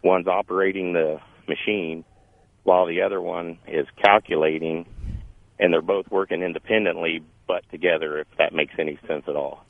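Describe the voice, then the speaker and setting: A man's voice: low-pitched, steady tone, moderate pace, creaky, no room sound. A man calling in to a radio show over a phone line, chatting casually and thinking aloud with restarts. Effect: heard over a phone line. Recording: tinny dry phone line.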